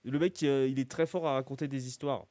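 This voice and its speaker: A man's voice: mid-range voice, steady tone, a little fast, dark tone. A man chatting casually as a tabletop role-play player, jokey and thinking aloud, often repeating words. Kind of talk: casual game chat.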